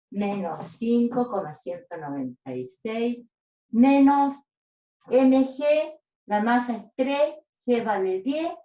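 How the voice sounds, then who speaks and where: Her voice sits on the high side with a dark tone as she explains physics one step at a time at the whiteboard. After each step she asks "¿ya?" to check that students follow, and the audio is lo-fi and dull, recorded in an echoey room.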